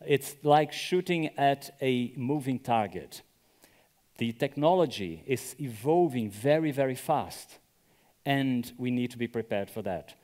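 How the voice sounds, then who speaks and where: A man's voice: medium pitch, darkish tone. Man giving a conference talk, echoey hall. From Brazil. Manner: conversational, often checks with "right?". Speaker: conference speaker. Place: conference venue.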